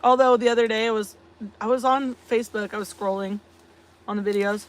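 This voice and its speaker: A woman's voice: fairly high pitch, fairly even intonation, fairly quick, slight background noise. A woman co-hosting a casual live stream, chatty and laughing often as she tells long stories full of fillers. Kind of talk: casual chat.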